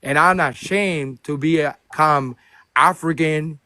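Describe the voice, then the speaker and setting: A man's voice: on the high side, unhurried, bright, forceful tone, a little hiss or hum. Impassioned man calling in. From Puerto Rico. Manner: impassioned, repeats himself. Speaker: caller. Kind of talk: heated debate on a live stream.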